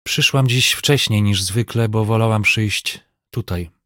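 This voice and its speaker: A man voicing a young nun who speaks in a soft, intimate tone. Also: on the low side, unhurried, no echo, studio quality. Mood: tender.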